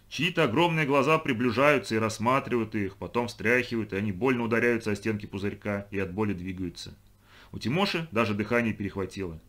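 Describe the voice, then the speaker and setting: A man reading a storybook aloud as narrator, expressive, lifting his voice for the children's lines. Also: on the low side. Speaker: audiobook reader. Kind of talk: scripted narration.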